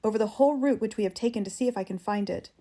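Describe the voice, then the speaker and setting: Woman acting worried practical husband, standard American accent, audiobook dialogue, urgent, insistent, mellow timbre. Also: mid-range voice, racing, natural voice. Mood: resolute.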